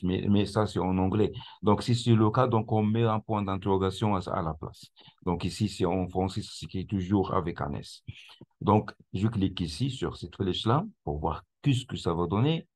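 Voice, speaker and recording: Clicking step by step through a website in a screen-recorded tutorial, this presenter speaks in a very deep, slightly mellow voice. He's a French speaker, not a native English one, and he proceeds slowly and hesitantly, with many fillers and restarts.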